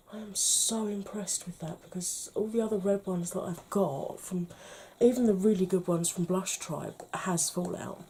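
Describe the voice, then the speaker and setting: Gravelly, mellow British woman. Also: mid-range voice, slight background noise. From United Kingdom. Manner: chatty and playful, often drops to a soft murmur. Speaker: beauty vlogger. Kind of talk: makeup tutorial commentary.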